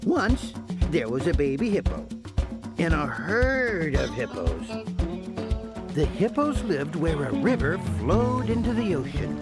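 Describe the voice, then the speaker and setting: Puppet-show lion cub, eager and lively, voiced by a woman; swinging pitch over loud music. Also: a little slow. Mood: storytelling. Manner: animated, enthusiastic. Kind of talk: puppet TV show dialogue and storytelling. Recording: loud music bed behind voice.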